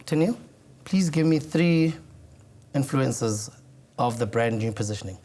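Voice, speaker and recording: A man's voice: medium pitch, animated, measured pace, warm tone. A man with a mid-range voice speaks as a competition contestant. He explains himself to a panel of judges. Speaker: talent show contestant.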